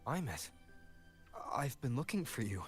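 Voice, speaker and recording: A man's voice: mid-range voice, very animated, measured pace, faint music behind. A man voicing an earnest young male student who speaks directly. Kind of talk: game voice acting.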